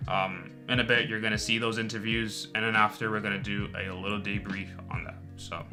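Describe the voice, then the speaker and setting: A man's voice: fairly low pitch, little pitch movement, a little fast, over music. A young man, a student, introducing his video project in an earnest way. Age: young adult. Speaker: student filmmaker and interviewer.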